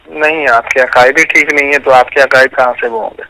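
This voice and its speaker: A man's voice: medium pitch, steady tone, brisk, creaky, bright, forceful tone, a little hiss or hum. A man debating religion on a phone call, quizzing and mocking his opponent. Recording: phone line.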